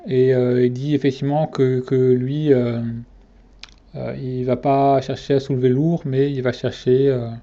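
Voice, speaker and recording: A man's voice: mid-range voice, level tone, unhurried, mellow, lo-fi sound. A man ranking his favourite fitness channels in a casual vlog, hesitant and full of fillers and restarts.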